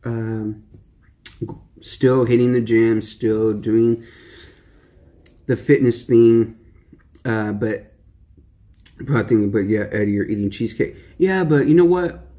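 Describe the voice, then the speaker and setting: Talking slowly and pausing often, this young man rambles to the camera in his eating-show vlog, relaxed and slangy with plenty of fillers. His mid-range voice has a dark tone.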